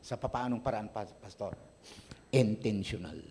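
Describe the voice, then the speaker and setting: At a church service, a Filipino pastor preaches a sermon at normal speed, frequently addressing the congregation with questions he then answers himself. His delivery rises from quiet and low to loud, high and emphatic. A little hiss or hum sits under the recording.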